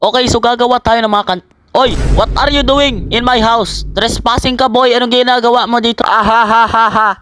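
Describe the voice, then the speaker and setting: Young Filipino male gaming host with a very high voice, excitable and playful, over faint game music. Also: normal speed. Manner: excitable, playful, switches between Tagalog and English. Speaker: gaming content creator. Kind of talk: casual gameplay commentary.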